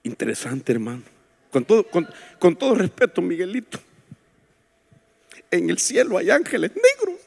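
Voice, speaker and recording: A pastor preaches at a women's retreat in a church hall, telling stories, joking with the congregation, and swinging between shouted lines and hushed asides. His high, husky voice has vocal fry, wildly swooping pitch, normal speed and long pauses. The large hall gives a long echo.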